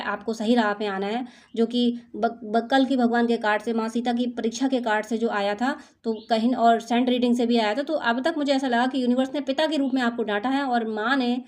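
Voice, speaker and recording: A woman's voice: a little high, a little mellow. A woman doing an intuitive spiritual reading for her viewers, talking in a soothing, motherly, reassuring way. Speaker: spiritual card reader.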